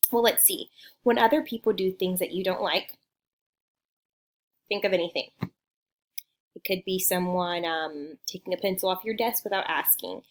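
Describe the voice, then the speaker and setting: A young woman counselor teaches a lesson to young students. Her voice sits in an ordinary mid range. She talks in a gentle, encouraging way. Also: mid-range voice. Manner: gentle, encouraging, acts out children's quotes. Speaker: school counselor.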